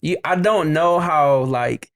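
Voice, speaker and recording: A man in his late twenties with a Midwestern American accent hosts a podcast. His voice sits a little high for a man, and he talks in an easygoing way, often laughing along. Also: slow pace, a bit bright. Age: 20s. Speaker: podcast host. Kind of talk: casual podcast chat.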